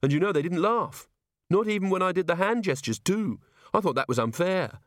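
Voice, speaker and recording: A man's voice: sits high, animated, brisk, no echo, pitched above the performer's own voice. A man voicing a frank, dry-witted young policewoman in a lightly raised, matter-of-fact voice. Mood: wry, frank.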